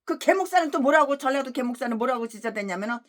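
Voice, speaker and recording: Giving an expository sermon, an animated, quick-paced woman pastor breaks into abusive, angry rants, alternating between yelling and muttering under her breath.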